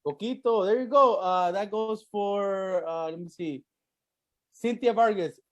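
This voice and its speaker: Male host, high-pitched, frat bro type, loose slangy banter and casual teasing. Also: unhurried. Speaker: show host. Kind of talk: casual chat.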